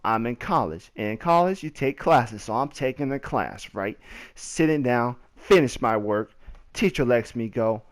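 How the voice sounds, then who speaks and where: A young adult American storyteller talks over gameplay, casual and full of slang, speaking right to his audience. He has a clear, resonant, mid-range voice.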